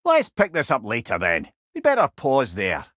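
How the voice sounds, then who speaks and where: In scripted video game lines, an actor plays a wise, witty old Scottish man who serves as an avuncular storytelling companion, delivering them articulately and wryly. His mid-range voice swings hugely in pitch at a moderate pace, a bit bright, recorded cleanly in a studio with no room sound.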